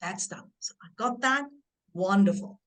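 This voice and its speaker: A middle-aged career and family coach from Turkey, raised in Germany, leads an online workshop over a video call. Her medium-pitched voice is expressive and measured, warm and encouraging as she interacts with participants, though the recording is rough.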